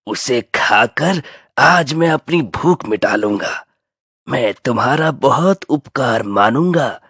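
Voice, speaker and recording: A starving crocodile groans through his lines, slow and heavy, his voice dipping low and rising with feeling. This is a schoolbook audio play, recorded dry and close with no room sound. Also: lively intonation, fairly bright tone, breathy edge, no echo, exaggerated voice. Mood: gloomy, hungry. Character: hungry male crocodile, gloomy and greedy. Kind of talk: textbook audio drama acting.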